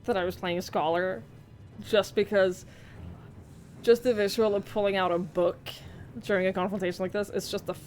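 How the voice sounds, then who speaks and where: A woman's voice: medium pitch, fairly even intonation, moderate pace, long pauses, a little mellow, faint music behind. A woman giving casual live commentary as she plays a game. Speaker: game streamer.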